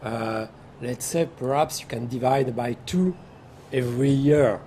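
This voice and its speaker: A man speaking as a guest on a conference panel, halting often as he searches for words. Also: mid-range voice, mellow, slight background noise. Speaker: panel guest, company executive. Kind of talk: panel discussion. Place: conference exhibition stand.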